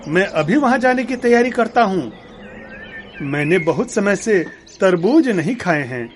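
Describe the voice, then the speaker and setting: Cartoon camel, male, large and trusting, slow and bouncy, played by a man. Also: sits high, a little hiss or hum. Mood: friendly. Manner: friendly, slow and lively. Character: big trusting good-natured male camel.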